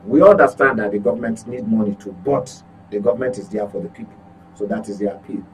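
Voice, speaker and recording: Fast and a little mellow, his voice on the low side, a Nigerian-accented journalist delivers emphatic political commentary on a talk show. He often repeats and corrects his words. The recording is clearly noisy with electrical hum.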